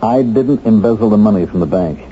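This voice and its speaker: In a 1970s-style radio drama, an American actor plays a bitter, determined middle-aged man just out of prison, speaking earnestly and emphatically in a lightly acted, animated, brisk way. His voice is fairly low, and the dull vintage recording carries music and a little hiss or hum.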